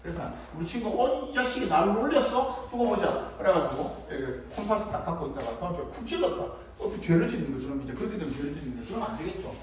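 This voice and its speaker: Brief: high, lively male kids' preacher, fast and playful, boomy distant church-hall sound. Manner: playful, acts out little scenes. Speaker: children's preacher. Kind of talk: children's sermon. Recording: echoey room, mic far off.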